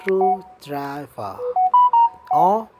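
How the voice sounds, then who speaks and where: A teacher with an Indonesian accent walks through a bilingual vocabulary lesson, switching between English and Indonesian and dropping in playful asides. The voice sits at a middle pitch. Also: animated, drawn-out words, over loud music.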